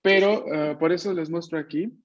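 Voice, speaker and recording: Profesor con audio apagado de videollamada. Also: male voice, fairly high pitch, fairly even intonation, normal speed, lo-fi sound, slight background noise. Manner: patient, explanatory, asks students for confirmation. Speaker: Japanese language teacher. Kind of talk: online class explanation. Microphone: video call.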